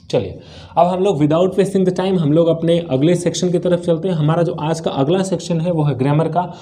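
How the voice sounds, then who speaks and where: An Indian-accented male teacher explaining English in Hindi, his voice pitched a little high for a man yet soft and mellow in tone. He keeps asking his class questions and answering them himself, repeating each key word. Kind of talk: spoken English lesson in Hindi.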